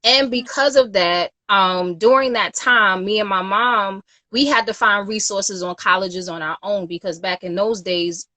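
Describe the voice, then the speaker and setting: A woman's voice: mid-range voice, sharp tone, no echo. A woman from Queens, a guest on a casual livestream interview, talking earnestly with many "you know"s. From Queens, New York. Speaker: guest, youth nonprofit founder.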